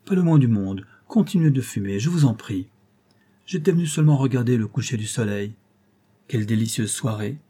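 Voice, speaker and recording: A man reading aloud, voicing a sad, anxious governess who speaks quickly and pleadingly in a slightly raised voice. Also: medium pitch, lively intonation, mellow, breathy edge. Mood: gentle. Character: lonely faded woman governess, sad, anxious.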